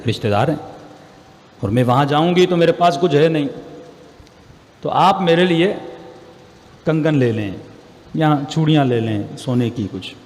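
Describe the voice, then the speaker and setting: A man preacher voicing a wife who insistently asks her husband for gold bangles, in a soft, low, coaxing tone, heard in a reverberant hall. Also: expressive, pauses often, close to an everyday voice. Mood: pleading.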